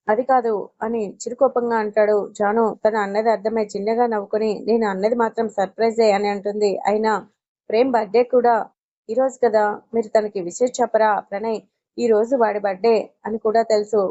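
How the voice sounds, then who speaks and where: A woman's voice: medium pitch, mellow, highs cut off. A woman narrating a romance story, reading every character's lines in her own voice. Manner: reads all characters in her own voice with little change.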